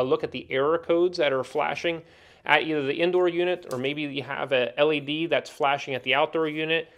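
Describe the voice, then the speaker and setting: A man in his thirties teaching circuit board troubleshooting in a plain, practical way, with the odd filler, from a small training room. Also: medium pitch. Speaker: HVAC instructor. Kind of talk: technical training explanation. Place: indoor training room with whiteboard.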